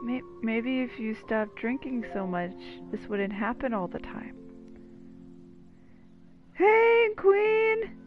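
Playing a video game on stream, a woman gives casual, jokey commentary in a fairly high, expressive voice, speaking slowly and pausing often. The audio is narrow and tinny, her stream mic layered over game music.

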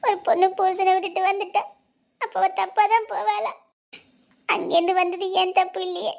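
A woman's voice: extremely high pitch, flat delivery, normal speed, vocal fry, a little mellow. A woman voicing a wounded young wife who speaks in a tearful, bitter, accusing way in a spoken drama. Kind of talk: Tamil audio drama acting.

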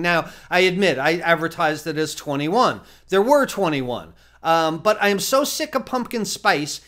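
Middle-aged male cooking instructor, animated and direct, to-camera from his home office. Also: high voice. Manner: animated, talks straight to camera with exclamations. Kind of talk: enthusiastic online cooking lesson. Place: home office with framed certificates, indoors.

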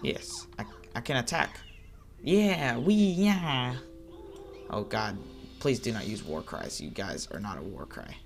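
Excitable young man narrating gameplay. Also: medium pitch, slow, gravelly, faint music behind. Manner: excitable, chatters at the creatures on screen. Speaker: gaming channel host. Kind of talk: let's play commentary.

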